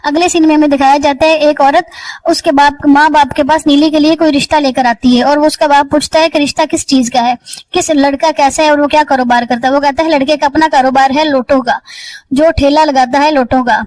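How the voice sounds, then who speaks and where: A woman with a high voice retells a drama's plot in easy, everyday speech. She moves from scene to scene in a plain storytelling tone and now and then stumbles and restarts a word. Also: steady tone, a little mellow, no room sound, rough recording. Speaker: drama recap narrator. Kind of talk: casual spoken plot recap.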